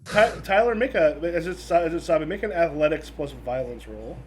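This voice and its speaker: A man narrating an improvised tabletop role-playing game as game master, in a halting, informal way. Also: a little high, expressive. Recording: noisy room recording.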